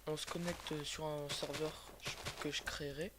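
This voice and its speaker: A young Frenchman with a fairly high voice talks over a video game while sick, sounding like his throat is sore and swollen. He is casual and slangy, swears freely and hesitates often. The cheap microphone is clearly noisy. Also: flat delivery, moderate pace. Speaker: gaming video host. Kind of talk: casual gameplay commentary. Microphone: cheap computer microphone.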